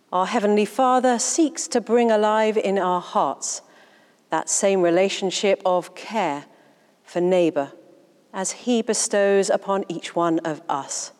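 A woman priest leading a church service with a measured, formal delivery, her voice ringing in a long church echo. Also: mid-range voice, a little mellow. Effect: long church echo around the voice. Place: large church interior. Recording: reverberant church hall sound.

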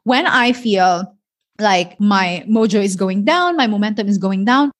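A woman's voice: medium pitch, expressive, unhurried. A woman hosting a solo podcast, talking earnestly and encouragingly, often checking in with "right?". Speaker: podcast host and online business coach. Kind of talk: motivational solo podcast talk.

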